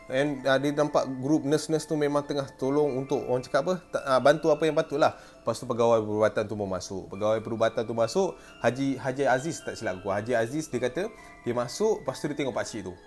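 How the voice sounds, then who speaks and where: A man with a Malaysian Malay accent telling a ghost story in a casual way, acting out sounds and voices with animated delivery. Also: medium pitch, fast talker, soft background music. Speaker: storyteller host.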